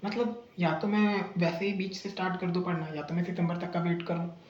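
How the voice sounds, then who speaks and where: High-voiced and brisk with fairly even intonation, a young vlogger indignantly retells a bad coaching experience in a chatty way, restarting often and using many fillers. The sound is roomy and dull.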